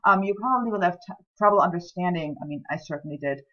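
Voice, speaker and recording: The sound is lo-fi as a woman with a fairly low, expressive voice speaks at a quick pace. A writing instructor and native German speaker, she teaches scientific writing in a chatty lecture sprinkled with ums and self-mocking comments.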